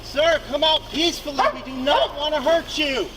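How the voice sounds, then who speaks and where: A police officer, a man, calmly urging someone to come out, speaking through a megaphone outdoors. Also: very high voice, normal speed. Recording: distant voice over loud outdoor noise.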